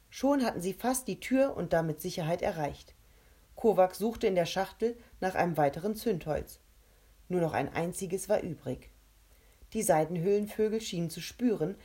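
Husky woman reading a story aloud. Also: on the low side. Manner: steady, measured storytelling. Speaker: narrator.

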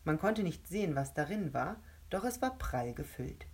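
A woman narrates a children's storybook in a calm, even reading voice. Her tone is low and slightly husky, and she paces the story steadily. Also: moderate pace.

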